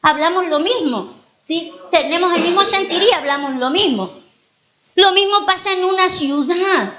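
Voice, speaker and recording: A woman's voice: very high-pitched, normal speed, sharp tone, muffled recording. A woman pastor preaching a sermon, repeating her points and asking the congregation rhetorical questions.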